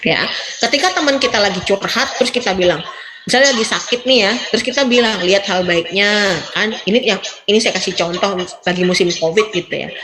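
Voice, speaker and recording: A middle-aged woman psychiatrist giving a lively, animated motivational talk, acting out quoted voices and laughing often. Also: medium pitch, quick pace, background noise.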